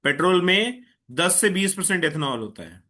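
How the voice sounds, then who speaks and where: A man teaching a chemistry lesson. His voice is fairly high and bright, and he mixes Hindi with English phrases. He is patient and keeps asking the class if they understand. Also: big pitch swings. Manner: Hindi mixed with English, checks understanding often; patient, tells an eager student to slow down. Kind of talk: online class lecture.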